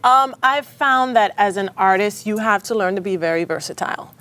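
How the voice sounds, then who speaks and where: A woman's voice: medium pitch, animated, normal speed, a bit bright. A woman from the Bahamas with a Bahamian accent, chatting as a talk show guest with frequent ums. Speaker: guest singer. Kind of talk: casual talk show interview.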